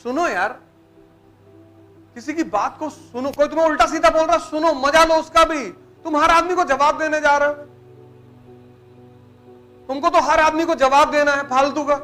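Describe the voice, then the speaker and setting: A man's voice: very high-pitched, steady tone, normal speed, pauses often, bright, forceful tone, faint music behind. A man giving a blunt, teasing motivational lecture to students in colloquial speech. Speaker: motivational teacher.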